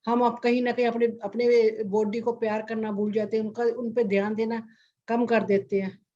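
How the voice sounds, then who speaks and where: A woman meditation teacher on an online group call, gently reassuring participants and repeating her phrases. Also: on the high side, level tone, normal speed, dull audio. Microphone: video call.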